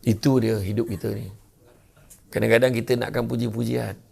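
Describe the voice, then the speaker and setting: A man's voice: mid-range voice, fairly quick, gravelly, husky. An older man with a Malaysian Malay accent giving a humorous sermon, telling stories and acting out the characters. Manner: lively storyteller who acts out characters. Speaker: religious lecturer. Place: lecture venue.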